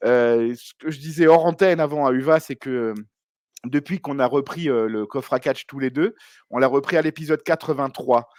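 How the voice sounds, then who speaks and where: A man's voice: mid-range voice, normal speed, darkish tone, dry recording, studio quality. A man co-hosting a podcast, chatty and hesitant with many fillers. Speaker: podcast co-host. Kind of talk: casual podcast chat.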